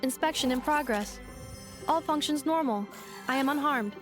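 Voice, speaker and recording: A woman voices an earnest female robot companion in a video game, using clipped, formal, machine-like phrases in a flat, factual mood. Her voice is high-pitched yet close to everyday speech, at a moderate pace over soft background music.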